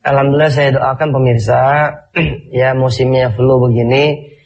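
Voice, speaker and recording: A man's voice: medium pitch, fairly even intonation, measured pace, darkish tone, dull audio. An Indonesian man preaching conversationally to viewers, his voice nasal and stuffed up from a cold, repeating key phrases for emphasis. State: congested with flu, clearing throat. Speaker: Islamic preacher addressing TV viewers. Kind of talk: conversational televised sermon with Quran recitation.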